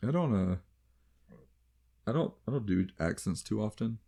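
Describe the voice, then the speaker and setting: A man's voice: lowish voice, lively intonation, normal speed, vocal fry, mellow, slightly rough. A man with a light Southern US accent co-hosting a casual chat show, rambling and trailing off as he restarts his sentences. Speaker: podcast co-host.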